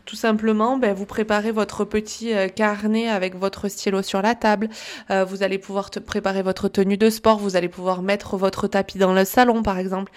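A woman wellness coach giving casual spoken advice to listeners, chatty and full of pauses with "euh" and "hop". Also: mid-range voice, little pitch movement.

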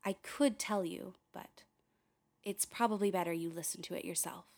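A woman's fairly low, slightly mellow voice, near an everyday sound and at normal speed, tells a radio play as a young filmmaker who is frank, wry and uneasy, confiding in the listener amid tangents and swearing. Music sits behind her, with slight background noise.

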